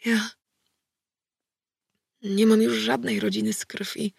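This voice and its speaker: A woman voicing a gentle, sad young male werewolf who speaks hesitantly and softly in an audiobook. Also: sits high, very animated, slow pace, vocal fry, slightly rough, dry recording, studio quality, voice pushed up, exaggerated voice. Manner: hesitant, soft, ashamed.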